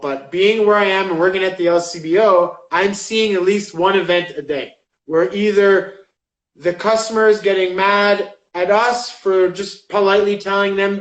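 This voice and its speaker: A man's voice: high voice, reverberant, low-quality recording. A man in his thirties, a pro fighter, chatting casually in an interview, rambling with lots of fillers. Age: 30s. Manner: rambling, lots of likes and uhs.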